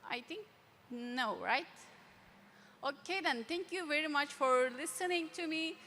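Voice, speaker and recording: High, bright-voiced woman presenting in a reverberant hall. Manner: halting non-native English with hesitant phrasing. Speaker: conference speaker from a game company. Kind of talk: conference presentation. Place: large event stage. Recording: noisy hall with long reverb.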